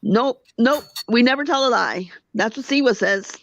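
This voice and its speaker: A livestream host with a slightly high voice rants indignantly and quickly, talking back to her chat. The sound is dull, lo-fi and dry.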